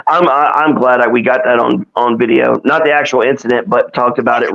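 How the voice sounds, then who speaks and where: A man's voice: mid-range voice, steady tone, a little fast, gravelly. A man guesting on a casual chat show, talking in a laid-back, profane way full of fillers. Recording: dull lo-fi audio.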